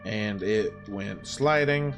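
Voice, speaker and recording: A man with a fairly low voice takes his time as he streams live. Informal and sweary, he chats in bro slang and spins a story on the spot, the kind of talk you'd expect from a writer-gamer. Background music runs under it all.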